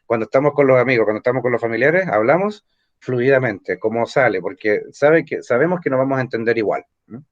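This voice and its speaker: A man with a Chilean Spanish accent teaches an online evening language class over a video call, using a computer or phone mic. His medium-pitched voice is brisk and expressive, with the highs cut off. He explains through rhetorical questions and frequent "¿ah?" tags.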